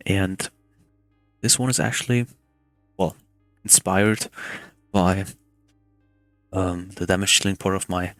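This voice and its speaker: A young man hosting a casual game development tutorial in a hushed voice, keeping quiet at night. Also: deep voice, dry recording. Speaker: tutorial host.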